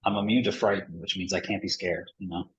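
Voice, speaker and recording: Husky low-voiced man chatting at game table. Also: fairly even intonation, quick pace, dull audio. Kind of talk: casual game-table chat.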